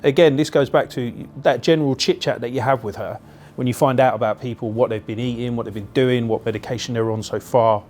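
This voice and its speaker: A man's voice: mid-range voice, steady tone, fairly quick, hardly any pauses, darkish tone, slight background noise. A male police officer being interviewed for a documentary, recounting a call in a plain-spoken, reflective way.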